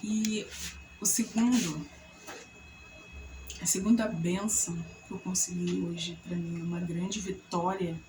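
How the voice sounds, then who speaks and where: Animated woman telling a faith story. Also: slow, long pauses, a little hiss or hum, rough recording. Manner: animated storytelling, acts out quoted voices with big pitch jumps. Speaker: vlogger sharing a testimony. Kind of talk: casual testimony.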